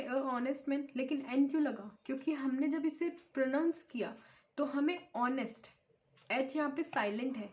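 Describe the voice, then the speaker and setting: Woman teaching English grammar. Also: high voice. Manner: explains step by step, checks in with "right?" and "okay?". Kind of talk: classroom lecture.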